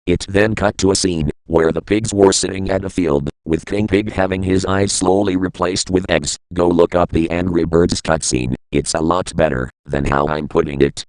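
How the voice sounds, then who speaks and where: A man's voice: deep voice, steady tone, moderate pace, hardly any pauses, smooth, dry recording, low-quality recording. A man reading a scripted creepypasta as a first-person narrator. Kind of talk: scripted horror story narration.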